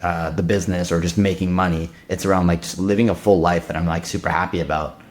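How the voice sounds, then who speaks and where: A man in his thirties talks quickly as a podcast guest, his low voice rushing through loose, casual sentences packed with "like" and restarts. He sounds relaxed and conversational. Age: 30s. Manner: fast, loose, filler-heavy talk with many restarts.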